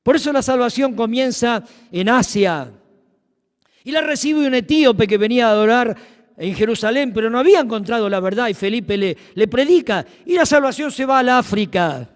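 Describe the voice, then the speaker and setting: Rioplatense pastor guy preaching, high voice, goes loud then quiet, long church echo. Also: expressive, moderate pace. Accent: Rioplatense Spanish. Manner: emphatic, swings from loud to hushed. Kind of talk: sermon. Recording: long reverb of a church hall.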